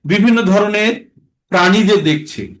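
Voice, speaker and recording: Slow, high-voiced man teaching scripture. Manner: asks questions and answers them himself; chants Sanskrit verses in a slow sung tone. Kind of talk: scripture class with chanted verses.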